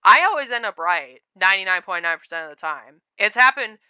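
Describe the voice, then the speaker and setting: Bright, dry-voiced woman commentator. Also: medium pitch, expressive, brisk, clear, resonant tone, no room sound. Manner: rambling, digressive and opinionated. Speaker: reaction commentator. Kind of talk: casual reaction commentary. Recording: dull lo-fi sound, dry.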